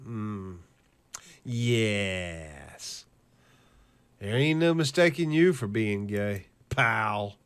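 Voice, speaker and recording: A man hosting a current-events video, ranting with profane, scornful and sarcastic commentary over clips, reading lists in a steady cadence. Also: on the low side, drawn-out words, pauses often, smooth.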